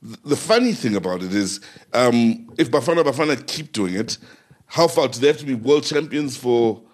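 A man's voice: medium pitch, expressive, normal speed. South African man telling stories. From Free State, South Africa. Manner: reflective storytelling. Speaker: panelist. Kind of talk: casual panel discussion.

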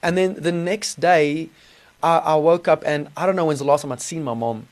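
A man's voice: a little high, normal speed. A man with a South African accent giving a personal testimony in an informal, earnest, conversational way with colloquial slang. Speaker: podcast guest telling his testimony. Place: small studio.

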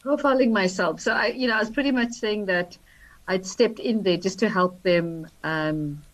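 A woman guest on a podcast interview who answers in a light, self-deprecating way. Her voice is husky, and it sounds dry and close to the mic. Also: mid-range voice, moderate pace, no echo, low-quality recording. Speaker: guest, agency managing director.

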